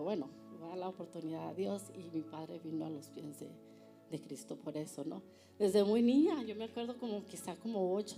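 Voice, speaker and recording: A woman's voice: medium pitch, dark tone. A woman sharing an earnest personal testimony at a church panel, often ending phrases with a tag question. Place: church service.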